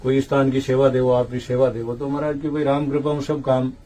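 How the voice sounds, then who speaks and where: A man's voice: medium pitch, flat delivery, mellow, slight background noise. Older Rajasthani man reciting devotional lore. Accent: Marwari. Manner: slow chanting delivery of couplets. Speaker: saint narrating temple history. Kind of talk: devotional storytelling with recited verse.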